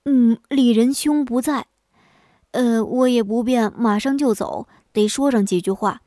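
A woman voicing a talkative, easily impressed scholar husband in a storybook tale, speaking a little lower. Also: measured pace, dark tone, no room sound, studio quality, close to an everyday voice. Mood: admiring.

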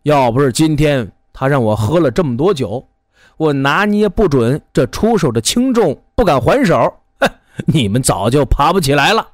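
A man putting on a tipsy martial arts master from a spoken folk tale, dropping his voice lower and drawling. The sound is dry and close to the mic. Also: sing-song, moderate pace, no room sound. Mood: smug.

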